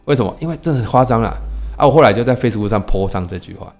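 A man telling a story in casual podcast chat, animated, quoting people and asking rhetorical questions. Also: fairly low pitch, rapid-fire, faint music behind. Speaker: podcast co-host; teacher.

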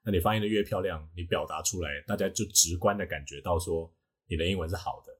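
A man with a Taiwanese Mandarin accent and a husky voice, casually explaining his views as a podcast host and teacher, often circling back over his words. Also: low voice, fast talker.

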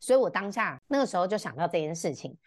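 A woman, a podcast guest telling a personal story in casual chat and acting out the lines of the people in it. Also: fast talker. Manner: animated, acts out quoted dialogue in varied pitch. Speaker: podcast guest, brand founder.

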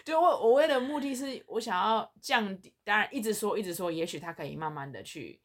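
A woman's voice: mid-range voice, expressive, fairly quick, slight background noise. A young woman, co-hosting a podcast in casual chat, telling stories in an earnest, reflective way. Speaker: podcast co-host.

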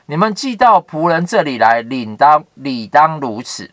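A man's voice: fairly high pitch, very animated, measured pace, fairly bright tone, dry recording. A man voicing an eager, generous old male patriarch who earnestly pleads, read from a Bible story.

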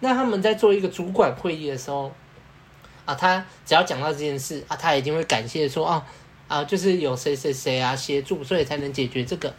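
A man's voice: fairly high pitch, fairly quick. A man co-hosting a podcast, telling workplace stories in a loose, rambling way full of fillers. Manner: rambling storytelling with fillers and laughs. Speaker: podcast co-host. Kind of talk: casual chat.

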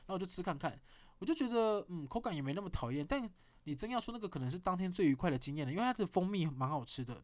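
A man with a Taiwanese Mandarin accent hosting a podcast, telling a story in a casual monologue with animated delivery and blunt swearing. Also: high voice. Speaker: podcast host.

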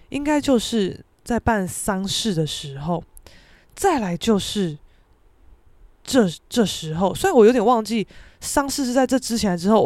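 A young woman with a Taiwanese Mandarin accent tells a story on her podcast in an animated, self-mocking way, swearing freely. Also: mid-range voice, no room sound. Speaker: podcast host.

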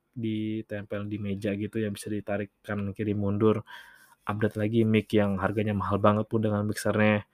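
A man's voice: medium pitch, no echo, studio quality. A man hosting a casual solo podcast, talking in loose slang and acting out short everyday dialogues. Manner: casual slangy Jakarta talk, acts out little dialogues. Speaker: podcast host.

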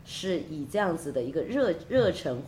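Woman host, very lively intonation, halting and repetitive, faint noise behind. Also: sits low. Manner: halting, repeats words as she searches. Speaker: podcast host. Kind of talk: casual interview chat.

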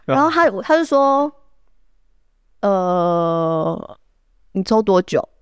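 A podcast co-host tells a long story in a Taiwanese Mandarin accent, restarting sentences with "then" and breaking into laughter. The voice sits at a middling pitch and sounds close and dry, with no room behind it. Other people get quick acted voices when quoted. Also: sing-song, clear, resonant tone, no echo. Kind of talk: casual storytelling chat.

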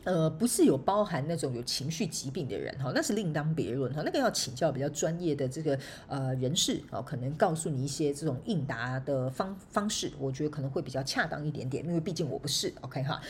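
Fast, animated woman podcast host. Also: low-pitched, slight background noise. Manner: chatty, frequent laughing tag particles, playful examples. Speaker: podcast host and motivational speaker. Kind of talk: casual solo advice talk.

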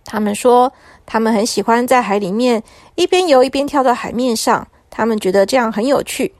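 A woman narrating a children's bedtime story in a gentle storytelling manner. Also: fairly high pitch, a little fast, no echo, studio quality. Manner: warm, soothing storytelling.

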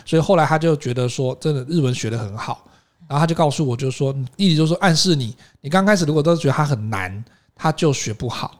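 A man's voice: on the high side, fast talker. A man with a Taiwanese Mandarin accent co-hosting a casual chat and telling stories animatedly, often tagging on questions. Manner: animated storytelling with frequent tag questions. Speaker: podcast co-host.

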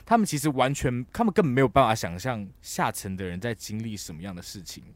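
Fast, lively man on a podcast. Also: mid-range voice, dry recording. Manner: animated, often ends points with a tag question. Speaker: podcast co-host. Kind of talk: casual podcast discussion.

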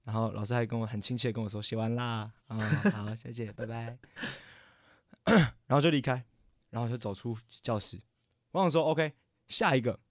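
A man's voice: medium pitch, moderate pace, no echo, clean studio sound. A young man, a podcast co-host telling a story in casual chat, rambling and often correcting himself. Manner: rambling, stammering, frequent self-corrections.

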